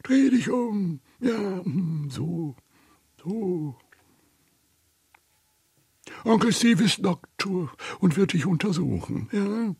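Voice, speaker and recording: A man reading an audiobook, voicing an irritable elderly retired shipowner with shrill, trembling outbursts. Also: expressive, takes it slowly, vocal fry, long pauses, warm tone, husky, dry recording, studio quality, exaggerated voice. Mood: hushed.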